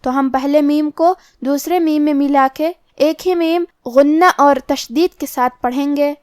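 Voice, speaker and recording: A woman teaching Quran recitation rules, explaining each letter and rule slowly and methodically. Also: high-pitched, steady tone, mellow, no room sound, studio quality. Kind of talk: tajweed lesson explaining rules.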